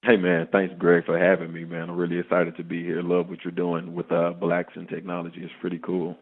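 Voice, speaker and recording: A startup co-founder in his twenties from Arkansas, in the US South, guests on a podcast, chatting easygoingly and often calling the host "man." His low-pitched voice is fairly quick with a completely flat delivery, and the audio has a phone-line quality.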